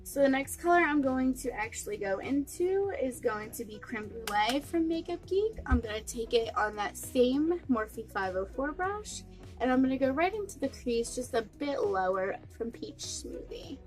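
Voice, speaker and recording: A young woman with a cold and stuffy nose chats through a makeup tutorial step by step, a friendly beauty vlogger explaining as she goes. Her voice sits high and is animated at a normal speed, with faint music behind her.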